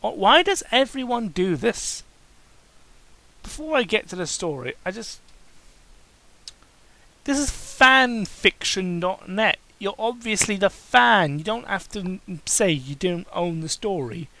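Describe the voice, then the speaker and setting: This host's voice is medium-pitched, bright, and forceful, animated yet a little slow. Reading amateur fan fiction as a comic dramatic piece, they mock it with exasperation, trip over lines, and cut in with sarcastic remarks.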